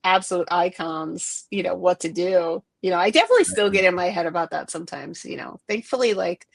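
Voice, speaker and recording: Middle-aged woman, art director type, low voice, dry sound, rambly casual interview talker. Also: creaky, no room sound. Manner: rambling, many fillers and restarts, quick bursts.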